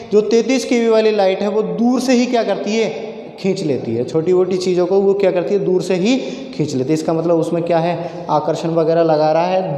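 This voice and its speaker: A man's voice: high voice, mellow, a little hiss or hum. A male physics teacher giving a classroom lecture, asking questions and answering them himself. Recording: echoey classroom with long reverb.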